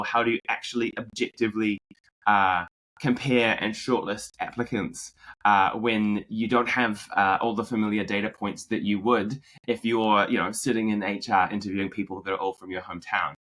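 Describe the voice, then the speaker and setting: On a low-quality recording, a New Zealand man with a low voice talks at a moderate pace during a podcast interview where he's the guest, a marketing executive. His Kiwi accent carries American traces, and he tells stories easily, with plenty of fillers and false starts.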